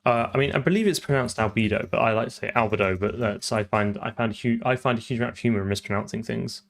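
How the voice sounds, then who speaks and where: Gravelly man thinking aloud while coding. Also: medium pitch, fast. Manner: thinks aloud, trails off and repeats words. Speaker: programming streamer. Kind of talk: live coding stream chat.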